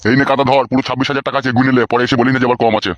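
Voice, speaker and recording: A man's voice: medium pitch, little pitch movement, very fast, no echo, muffled recording, lightly acted. A man playing a coarse older village uncle in a comic skit, who scolds and swears. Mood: gruff.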